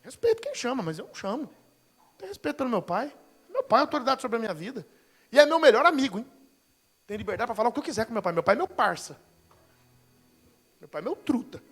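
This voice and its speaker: A man in his forties preaching a lively, humorous sermon as pastor, acting out Bible scenes in voices. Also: very high-pitched, quick pace, pauses often, breathy edge, faint music behind. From Brazil. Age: 40s. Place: church.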